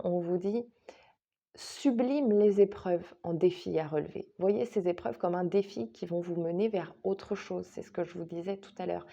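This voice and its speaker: A woman's voice: on the low side, vocal fry, warm tone, lo-fi sound. A woman giving a casual monthly tarot reading, chatting straight to her viewers with frequent hesitations. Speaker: tarot reader.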